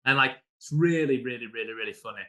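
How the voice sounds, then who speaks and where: A man's voice: mid-range voice, fast, fairly bright tone. A man running a tabletop game, casually recapping a session as a rambling storyteller full of fillers. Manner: mimics players in raised voice. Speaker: game master.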